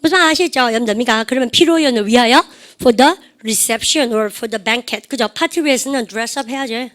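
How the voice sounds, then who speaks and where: A middle-aged woman teaching English to a classroom of adults, lively and teasing, firing quick questions at her students. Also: a little high. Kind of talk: classroom lecture.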